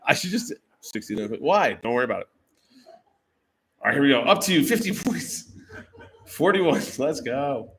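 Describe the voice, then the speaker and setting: Lively man hosting bar trivia. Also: mid-range voice, normal speed, creaky, long pauses. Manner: joking, swearing, reading out questions. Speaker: trivia host.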